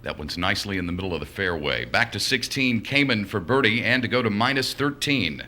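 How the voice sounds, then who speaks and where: A man's voice: on the low side, animated, a little fast, bright, forceful tone. A man working as a golf commentator, calling play in short, terse announcements.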